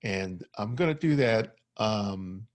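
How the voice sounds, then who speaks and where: A middle-aged American man, a guest photographer, gives a personal talk at an online forum over a video call. His voice is on the low side and animated, and he speaks slowly on a dry recording. He has a slight stutter and often repeats words.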